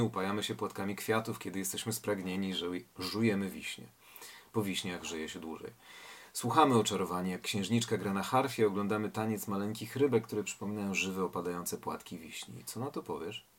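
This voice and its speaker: Guy reading a dry mocking old turtle from a storybook, low husky voice. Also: a bit bright. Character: sardonic old male sea turtle.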